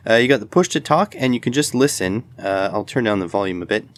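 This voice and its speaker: An electronics product reviewer who hosts videos gives a casual, unscripted product demo, rambling along in a matter-of-fact way. His voice is lowish, with lively intonation and a quick pace.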